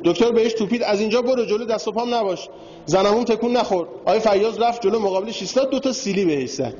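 A man's voice: high voice, darkish tone. A man giving a religious lecture, telling a story and speaking directly to his audience. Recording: dull lo-fi recording in a reverberant hall.

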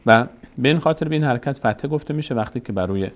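A man teaching a lesson on reading the Quran, explaining slowly and patiently and reciting the alphabet letter by letter. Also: mid-range voice, animated. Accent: Persian. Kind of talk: instructional lesson on Arabic vowel marks.

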